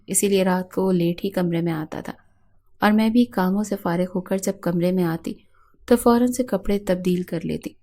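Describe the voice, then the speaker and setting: Woman reading a romance novel aloud, mellow voice, calm steady pace. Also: medium pitch. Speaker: audiobook narrator.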